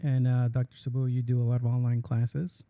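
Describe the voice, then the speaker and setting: A man's voice: medium pitch, flat delivery, brisk, warm tone. A man hosting a campus podcast, introducing guests in a friendly way with fillers. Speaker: podcast host. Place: campus studio.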